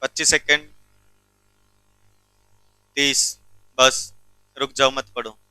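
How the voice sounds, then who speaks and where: A man's voice: mid-range voice, flat delivery, slow, bright, forceful tone, clear, resonant tone, dry recording, low-quality recording. A male teacher giving a classroom law lecture, keeps checking whether students follow and teases them sternly.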